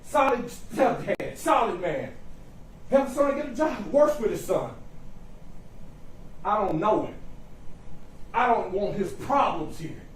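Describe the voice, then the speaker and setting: A man with a high-set voice argues as a defense attorney in a roomy, reverberant courtroom, picked up from a distance. He is impassioned and folksy, hammering short phrases and repeating them for emphasis as he appeals to the jury. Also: animated, unhurried. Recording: roomy echo, distant mic, faint noise.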